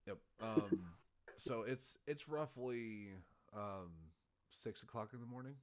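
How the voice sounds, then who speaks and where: A man's voice: lowish voice, takes it slowly. A man running a tabletop game as game master, rambling and correcting himself, laughing often.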